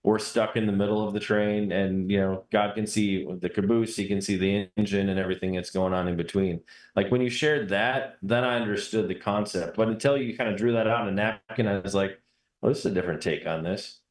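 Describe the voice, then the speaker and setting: A man's voice: on the low side, fairly even intonation, brisk. A man chatting casually as a publisher, explaining things in a reflective way. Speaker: guest, book publisher. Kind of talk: casual conversation. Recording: roomy, echoing sound.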